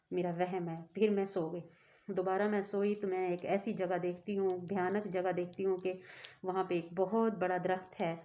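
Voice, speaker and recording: Speaking in a lowish, mellow voice, a woman tells a personal story to camera. She rambles earnestly and keeps interrupting herself.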